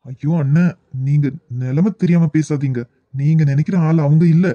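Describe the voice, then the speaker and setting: A man's voice: a little high, moderate pace, mellow, no echo, muffled recording, close to an everyday voice. A man voicing a worried young colleague in a cartoon, coaxing and placating, with a Kanyakumari Tamil accent. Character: worried young male colleague trying to calm things.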